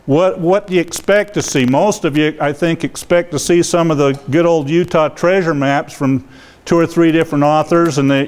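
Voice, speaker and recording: On the high side, his voice is clear and resonant. The older man is a guest speaker giving a rambling, informal public talk in a library to people seated before him, stumbling through fillers and restarts as he moves around with a lapel mic, and he remarks that he has a loud voice.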